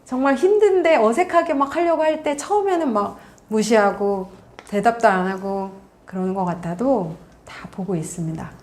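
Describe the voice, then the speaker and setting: A woman counselor lecturing parents on how to talk with their children, in a fairly high voice. She explains each step plainly and acts out the mother's and the child's lines as she goes. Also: a little mellow.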